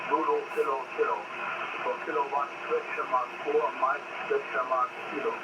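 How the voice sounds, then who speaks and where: A man, a ham radio operator heard over a shortwave radio link through static, slowly repeating and spelling out call signs. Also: medium pitch, flat delivery. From El Salvador. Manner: repeats words slowly and carefully. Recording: muffled static-heavy shortwave reception.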